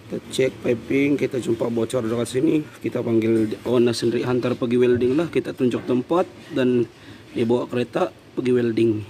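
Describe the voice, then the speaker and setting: A man in his thirties with a Malaysian accent and a mellow, medium-pitched voice gives a plain, step-by-step explanation of repairing a car's air conditioning, with fillers along the way. It is a casual vlog filmed on a handheld phone in a noisy workshop.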